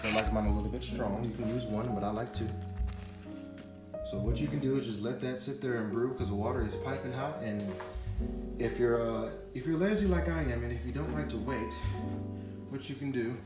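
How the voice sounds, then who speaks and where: A man's voice: mid-range voice, fairly quick, echoey room, over music. An American man chatting casually in a snack review vlog, joking and rambling loosely as he talks from his home kitchen. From United States. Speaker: vlogger.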